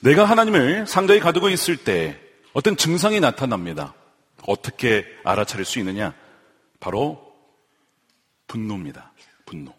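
A man's voice: medium pitch, big pitch swings, normal speed, pauses often, a bit bright, husky. A man in his forties preaching a sermon as pastor, emphatic, repeating key lines and asking the congregation questions. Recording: long hall reverb.

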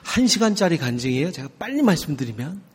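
A male pastor preaching a sermon, lively and teasing, drawing answers from the congregation. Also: on the high side, fast, husky. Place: church sanctuary. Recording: long hall reverb.

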